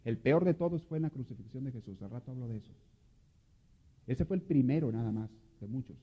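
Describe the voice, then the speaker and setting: A man preaching a sermon as a priest, dropping to hushed murmurs and then rising to loud, impassioned pleading. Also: medium pitch, animated, fairly quick, slightly rough. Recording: dull lo-fi audio with long hall reverb.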